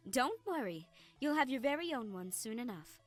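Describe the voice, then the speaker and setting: A woman's voice: on the high side, big pitch swings, moderate pace, loud music behind the voice, pitched above the performer's own voice. A woman voicing a sweetly menacing yandere girl. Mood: teasing. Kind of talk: video game voice acting.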